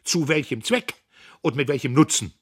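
A man's voice: medium pitch, normal speed, breathy edge, pitched above the performer's own voice, natural voice. A man voicing a fiery old male orator who declaims passionately to a hall, reading a novel aloud. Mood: impassioned.

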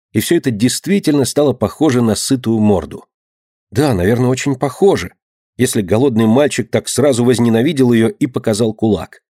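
Male narrator, mid-pitched, measured and expressive, dry close studio read. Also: husky, no echo. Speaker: audiobook narrator. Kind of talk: scripted narration.

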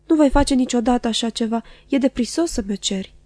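A melodramatic middle-aged wife, voiced by a woman reader in a storybook reading. She declaims with insistent, tearful loyalty in a somewhat high, warm voice, close and dry. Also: dry recording, close to an everyday voice. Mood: tearful, dramatic. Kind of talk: audiobook character voice.

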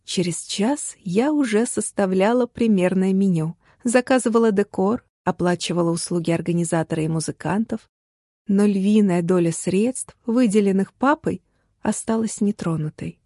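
A young woman reading a first-person novel aloud in a lively, wry storytelling voice. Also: medium pitch, normal speed, no room sound, studio quality. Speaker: audiobook narrator. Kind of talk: first-person audiobook narration.

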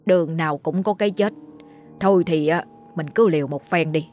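A woman voicing a frightened old male village healer, speaking low and hushed in a storybook horror tale. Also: moderate pace, faint music behind, close to an everyday voice. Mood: resigned.

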